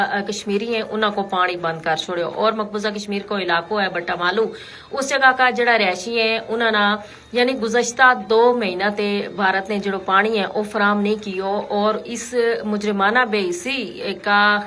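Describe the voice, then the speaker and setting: Bright-voiced woman hosting talk radio. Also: mid-range voice, steady tone, normal speed. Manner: conversational, explanatory, addressing listeners directly. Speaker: radio call-in host. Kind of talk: unscripted talk radio commentary.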